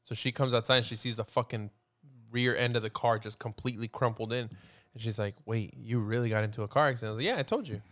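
Fast-talking man, casual storytelling. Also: medium pitch, fairly even intonation, fairly bright tone. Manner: brisk, swearing storyteller. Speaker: podcast co-host. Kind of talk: casual chat.

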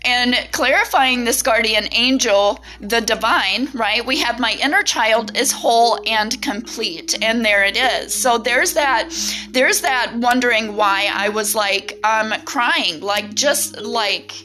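A woman talking through a tarot reading in a loose, rambling way. She fills her talk with "um" and keeps checking in with "right?". Her voice sits a little high and sounds bright and keen. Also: takes it slowly, soft background music. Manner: rambling, many fillers and "right?" tags. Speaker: tarot reader. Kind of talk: casual spiritual talk.

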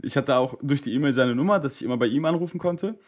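A man with a voice in the middle of the male range tells a story on a casual live-streamed podcast. He talks in a slangy, animated way and plays out each side of a phone call. It sounds like laid-back chat between friends. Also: medium pitch, fast. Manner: animated, slangy, acts out both sides of dialogues. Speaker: podcast host.

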